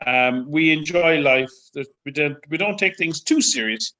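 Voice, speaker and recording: A man with an Irish accent, from Ireland, talking in a relaxed, chatty way as a guest on a remote interview from his home. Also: on the high side, moderate pace, low-quality recording. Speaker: guest singer. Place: home in Florida.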